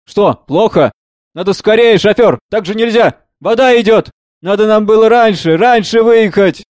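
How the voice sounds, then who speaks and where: A man's voice: sits high, steady tone, brisk, a little mellow, dry recording, voice pushed up, close to an everyday voice. A man reading the part of an anxious doctor who presses insistently to hurry.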